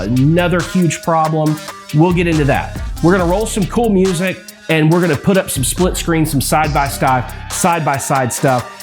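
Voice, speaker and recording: Frustrated man reviewing action cameras. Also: on the high side. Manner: frustrated, rambling, animated explaining.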